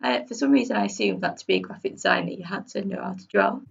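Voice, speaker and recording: Female podcast guest, Bradford accent, creaky and a little husky, informal, self-deprecating, slightly lo-fi sound. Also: mid-range voice, very animated, quick pace. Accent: Bradford, West Yorkshire. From Bradford, northern England. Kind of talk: casual conversational interview.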